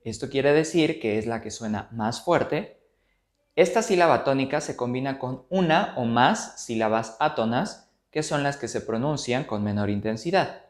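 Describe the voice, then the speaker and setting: A man's voice: medium pitch, expressive, normal speed, echoey room. A man, a teacher giving a scripted grammar lesson and drawing example words out carefully.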